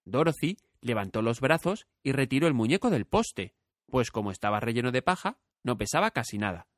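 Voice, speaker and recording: A man narrating a storybook audiobook with clear, steady storytelling. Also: medium pitch, brisk, no room sound, studio quality.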